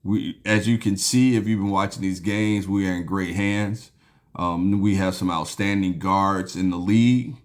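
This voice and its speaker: A laid-back man with a low voice talks unhurriedly on his basketball podcast. Alone at the mic, he rambles casually about the sport, full of ums and restarts, sipping a beer as he goes.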